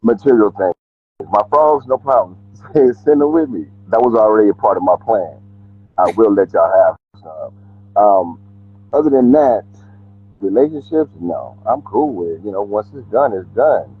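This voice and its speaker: Middle-aged man on a call, muffled like through a wall; low, husky, laid-back. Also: lively intonation, a little slow. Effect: muffled, as if heard through a wall, from earbuds on a call. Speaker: family member calling into a talk show. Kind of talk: casual chat. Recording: muffled phone-like call audio.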